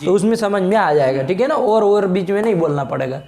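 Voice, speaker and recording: A man teaching a classroom lesson, quizzing his students, making them repeat, and scolding the slow ones. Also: sits high, expressive, creaky, a little mellow, roomy sound. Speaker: Sanskrit logic teacher.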